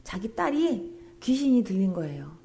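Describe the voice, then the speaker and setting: A woman pastor giving a dramatic testimony sermon in a church, dropping into hushed, whispered asides. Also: mid-range voice, sing-song, unhurried.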